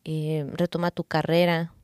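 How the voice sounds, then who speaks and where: A woman's voice: deep voice, level tone, measured pace, a little mellow, clear, resonant tone, no echo, clean studio sound. A middle-aged Mexican woman co-hosting a casual podcast, chatty, working through a list of tips with asides. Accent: Mexican Spanish. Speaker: podcast co-host.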